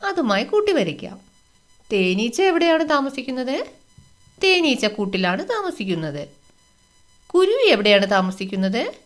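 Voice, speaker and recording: Lively woman teaching young children. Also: a little high, moderate pace, pauses often. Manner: sing-song questions to children, acts out animal lines. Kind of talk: children's lesson walkthrough.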